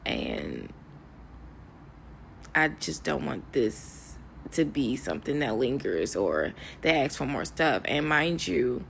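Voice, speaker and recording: Young woman venting to her viewers, low gravelly voice, stressed, bit of faint hiss. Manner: candid, talks to viewers as "y'all", rambling with fillers. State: stressed, near tears. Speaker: vlogger. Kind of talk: emotional personal vlog.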